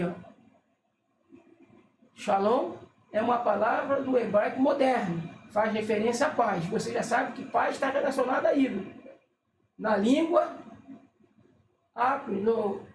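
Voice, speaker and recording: Here a religious teacher goes down a list in a relaxed, explanatory way, regularly asking if the listener is with them and correcting themself mid-stream. Their voice is mid-range, and the recording carries echo and faint noise.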